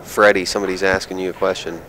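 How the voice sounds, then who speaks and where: A man's voice: sits low, level tone, fast, fairly bright tone, rough recording. A man co-commentating a pool match on a live stream, laid-back, bantering with short reactions.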